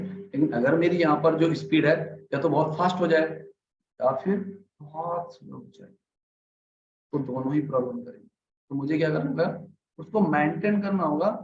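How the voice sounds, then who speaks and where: A man's voice: a little high, echoey room, lo-fi sound, slight background noise. A man giving a casual lesson on communication skills, asking his listeners "right?" often and acting out his examples. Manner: chatty, asks the audience "right?" often; acts out examples by speeding up, slowing down and getting louder.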